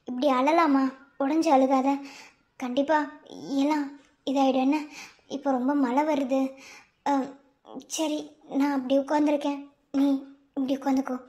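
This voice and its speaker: A woman's voice: sits high, warm tone, natural voice. A woman playing a loyal comforting young friend. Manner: comforting, then pleading. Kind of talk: TV serial acting.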